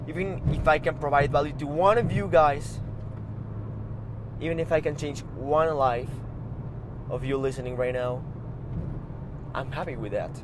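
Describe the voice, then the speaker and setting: A podcast host with a Mexican Spanish accent and a somewhat high voice runs a motivational show in English, his second language. He speaks earnestly, urging listeners on while stumbling and repeating words. Street noise and cars are clearly audible behind him.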